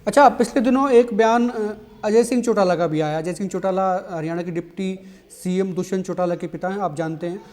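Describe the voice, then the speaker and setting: A man's voice: sits high, fairly quick, a little mellow. A man interviewing a guest, asking questions and affirming her with frequent hums.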